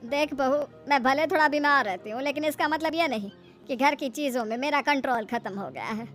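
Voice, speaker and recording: A woman's voice: high-pitched, lively intonation, normal speed, bright, forceful tone, faint music behind. A woman voicing a strict, jealous old mother-in-law in a cartoon, with a scolding, domineering manner. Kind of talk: cartoon voice acting.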